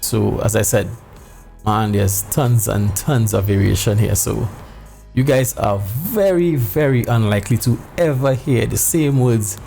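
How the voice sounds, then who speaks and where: A middle-aged man hosts a casual how-to video. His voice is mellow with plenty of fry, and he talks informally into a headset mic with music behind him. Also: on the low side, measured pace. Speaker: sim racing video host. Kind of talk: casual tutorial talk to viewers. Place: indoor home room.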